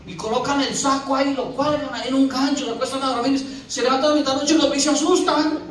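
A man's voice: extremely high pitch, fairly even intonation, quick pace, slight background noise. A man preaching a sermon as pastor, telling stories and acting out little scenes in changing voices. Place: church. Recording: echoey church hall from far off.

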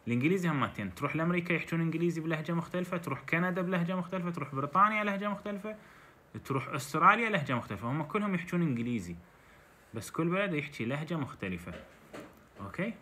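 A man's voice: fairly high pitch, pushed and bright, slight background noise. A man with an Iraqi Arabic accent, teaching English by reading a textbook story and explaining it in dialect. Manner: reads English lines slowly, then translates into dialect.

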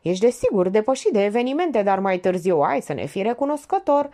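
A woman's voice: mid-range voice, big pitch swings, warm tone, pitched above the performer's own voice, lightly acted. A woman voicing a pompous, sanctimonious middle-aged male notary in an audiobook, speaking in a theatrical, preachy way. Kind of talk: audiobook character voice.

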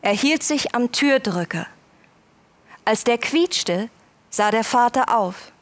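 Slow, measured woman reading a story. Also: a little high, lively intonation. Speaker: reader. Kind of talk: literary reading.

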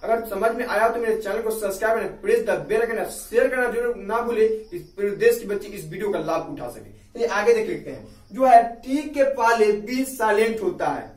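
A man with an Indian accent gives an English lesson, asking questions and then answering them himself. His voice sits high. The sound is echoey and a bit distant from the mic. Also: expressive, normal speed, few pauses. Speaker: English teacher. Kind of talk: video lesson.

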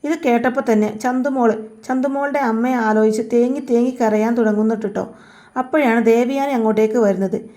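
A woman's voice: a little high, fairly even intonation, brisk, warm tone. Chatty woman retelling a serial. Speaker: serial recap narrator. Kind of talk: casual storytelling recap.

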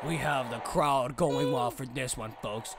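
A young man hyping up a game match like an arena announcer, theatrical and booming, over a voice chat. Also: fairly even intonation, a little slow, vocal fry, a crowd in the background. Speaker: event announcer. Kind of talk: mock-grand arena announcing.

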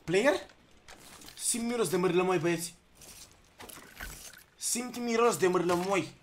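A young man streaming a video game live, talking to his chat in bursts and shouting at opponents. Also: high voice. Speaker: gaming streamer. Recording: noisy background.

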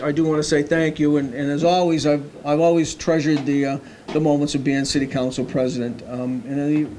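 A man who is a former council president giving informal thanks, halting and repeating words in a meeting room. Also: mid-range voice, a little mellow, slight background noise. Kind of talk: informal acceptance remarks. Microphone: desk microphone.

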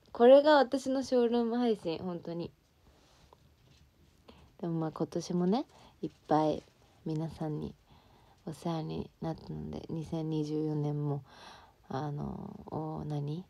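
A woman's voice: sits low, creaky, darkish tone. A young woman from Fukuoka with a Hakata accent, an idol chatting casually on a livestream, rambling with fillers and giggling as she reads fan comments. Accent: Hakata dialect. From Fukuoka, Japan.

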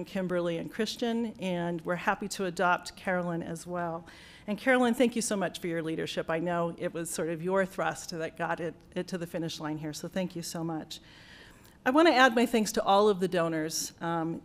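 Woman giving a grateful dedication speech. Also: medium pitch. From United States. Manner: earnest, grateful, with frequent fillers and restarts. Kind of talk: formal ceremony speech. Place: university auditorium.

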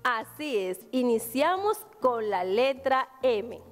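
A woman's voice: a little high, very animated, slow pace, big-room sound, soft background music. A woman with a Dominican Spanish accent teaching a virtual class to young children, spelling out syllables patiently and answering her own questions. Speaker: primary school teacher.

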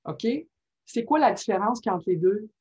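A female workshop presenter on reading disorders speaks at normal speed in a mid-range voice with a breathy edge. She teaches in a lively, informal way, checking in constantly with "ok?", and the recording is muffled lo-fi.

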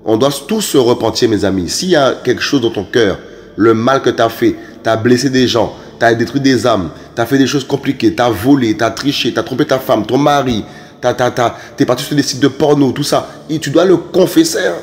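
Emphatic stammering male preacher. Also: moderate pace. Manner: emphatic, repetitive, frequent stammered restarts; rises to sharp high exclamations. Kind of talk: sermon.

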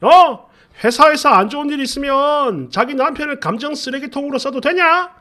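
A man voicing an angry, tipsy middle-aged husband who shouts scolding rhetorical questions. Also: very high voice, moderate pace. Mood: angry, indignant.

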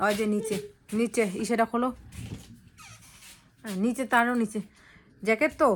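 Young woman, chatty home vlogger, soft-spoken, light background hiss. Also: fairly high pitch, moderate pace. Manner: soft-spoken, chatty, addresses viewers directly. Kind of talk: casual vlog narration.

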